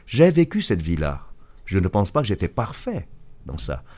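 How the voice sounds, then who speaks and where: Un homme d'âge mûr originaire du Vietnam, auteur et chef d'entreprise, qui répond en interview avec sérieux et hésite souvent. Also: male voice, deep voice, huge pitch swings, warm tone. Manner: earnest, halting with restarts. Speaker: author and business leader. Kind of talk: radio interview answer.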